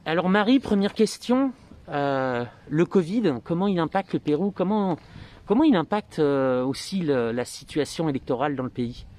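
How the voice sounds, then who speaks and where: A man's voice: fairly high pitch, animated, normal speed, darkish tone, slight background noise. A man with an accent from France, speaking informally and hesitantly as an interviewer, his voice slightly muffled by a mask. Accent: French from France. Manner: conversational, hesitant delivery. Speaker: interviewer and reporter. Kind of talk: informal on-location introduction and interview.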